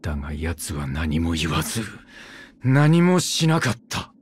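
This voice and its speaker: Voicing a game's brooding immortal swordsman, a man uses an exaggerated, sing-song delivery with a breathy edge, a little slow. The character's speech stays terse and clipped, low, curt and grim, and sounds weary.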